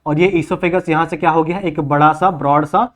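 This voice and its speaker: A man's voice: a little high, steady tone, normal speed. A man tutoring biology, drawing a diagram and repeating each term back as a question, checking in with students often. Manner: checks in often with "thik hai". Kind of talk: whiteboard lecture in Hindi-English mix.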